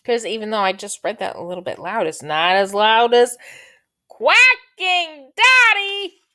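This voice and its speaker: A woman teacher reading a picture book aloud to children, slow and expressive, drawing out her words. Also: medium pitch.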